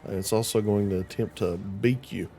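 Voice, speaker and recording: A man's voice: on the low side, fairly even intonation, normal speed, warm tone, soft background music. A young man running an online tabletop game as game master, joking and swearing casually.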